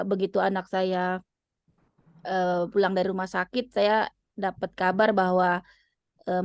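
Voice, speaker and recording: A woman's voice: mid-range voice, gravelly, no echo, studio quality. A woman in an online study group telling her own story in a casual, hesitant way, with many fillers. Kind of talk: casual sharing of personal experience. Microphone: video call.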